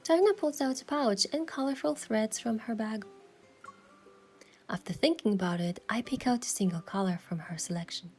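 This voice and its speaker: A woman plays a thoughtful, affectionate young heroine narrating a romance game story in the first person, reflective and earnest. Her voice is fairly high, a little mellow and close to everyday speech, at normal speed, with music behind it.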